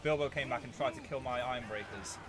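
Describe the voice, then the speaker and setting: A man's voice: mid-range voice, fast, background noise. A man giving strategy game commentary as a video host, playfully theatrical, talking to his units and making mock threats.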